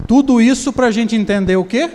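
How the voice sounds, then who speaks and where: A man's voice: very high-pitched, normal speed, a little mellow. A man with a Brazilian Portuguese accent giving a conversational seminar lecture, often putting questions to the audience. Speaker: spiritist lecturer. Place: lecture hall. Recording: long hall reverb.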